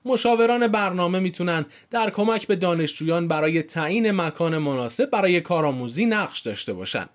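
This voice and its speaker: A man's voice: high-pitched, animated. A man reading a formal informational script as a narrator, with casual spoken word endings.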